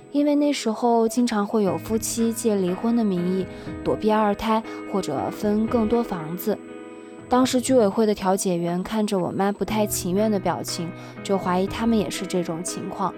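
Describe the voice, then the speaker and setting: A woman in her twenties narrating a scripted, reflective story in a calm, measured way as the interviewer. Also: mid-range voice. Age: 20s. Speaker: interviewer and narrator, daughter of the guest.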